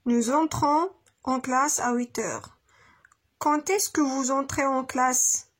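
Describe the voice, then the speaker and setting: A woman with a Moroccan accent gives a classroom grammar lesson in a fairly high, husky voice. She explains each point, then repeats it in Moroccan Arabic, and slows down when dictating examples. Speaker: teacher.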